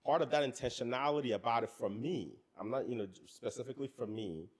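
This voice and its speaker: A man's voice: medium pitch, fast, slightly rough. A middle-aged man with an African accent, talking in a reflective, searching way in a casual roundtable chat, often repeating words as he starts a thought.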